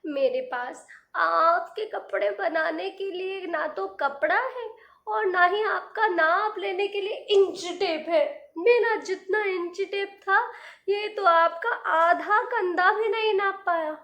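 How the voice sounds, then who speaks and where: A woman voicing a nervous, fussy male tailor who talks in a slow, flustered, pleading way, in a storybook reading. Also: very high voice, fairly bright tone, roomy sound, pitched above the performer's own voice, exaggerated voice. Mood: apologetic.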